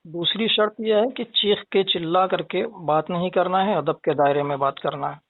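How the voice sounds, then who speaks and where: A man's voice: high-pitched, no echo. Curt man on a dry phone line. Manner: curt, dismissive, brief replies. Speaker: debate challenger on a call. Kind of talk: phone call debate negotiation.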